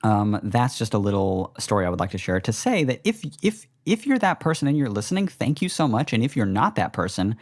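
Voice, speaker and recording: A man's voice: fairly low pitch, very animated, brisk, hardly any pauses, no room sound, clean studio sound. A man in his twenties, co-hosting a podcast in casual chat, rambling with lots of swearing and self-mockery. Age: 20s. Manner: rambling, profane, self-deprecating. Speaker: podcast co-host.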